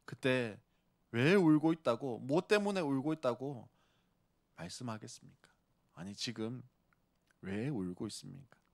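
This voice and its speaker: Male pastor, sermon, lively pitch, loud emphasis then hushed whispers, acts out quotes. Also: measured pace, gravelly, pauses often. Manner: acts out quoted speech of characters.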